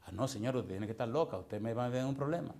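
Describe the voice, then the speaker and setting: A man's voice: mid-range voice, fast talker, a little mellow, lightly acted. A man voicing a humble street sweeper who keeps agreeing politely and repeats himself. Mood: deferential. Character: humble male street sweeper, eager to please.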